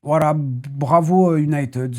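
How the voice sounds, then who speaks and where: Mellow, rambling football debrief host. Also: mid-range voice, a little slow. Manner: rambling and blunt, with casual swearing. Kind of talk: casual live post-match debrief.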